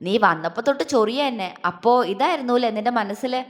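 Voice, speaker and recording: A woman voicing a warm young man who speaks softly and fondly. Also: on the high side, lively intonation, a little fast, close to an everyday voice. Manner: soft, fond. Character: warm young man, fond elder brother. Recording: long hall reverb.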